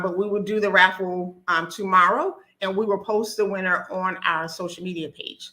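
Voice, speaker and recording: Bright, excited woman hosting a live stream. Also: medium pitch. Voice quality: nervous, talkative, many ums and restarts.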